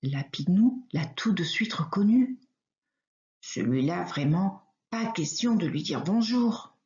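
Slow, expressive woman reading a children's story. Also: fairly low pitch. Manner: expressive, unhurried. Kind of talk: children's story read aloud. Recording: roomy, slightly dull recording.

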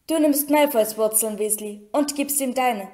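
A woman reading aloud and voicing a cold, menacing male teacher who speaks flatly. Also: fairly high pitch, measured pace, natural voice. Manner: flat, threatening.

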